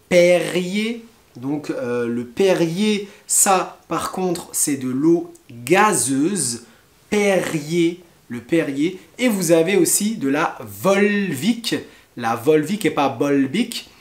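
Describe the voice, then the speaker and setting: Very slow, deliberate male French teacher. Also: high voice, lively intonation, reverberant. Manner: slow, deliberate pronunciation, repeats each word. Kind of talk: pronunciation lesson.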